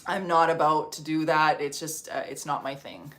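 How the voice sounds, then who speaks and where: Her voice sits low, steady and fairly bright as she moves at a moderate pace. She's a Canadian woman livestreaming casually from home in Portugal, responding to viewers' comments in a chatty manner peppered with frequent "like"s.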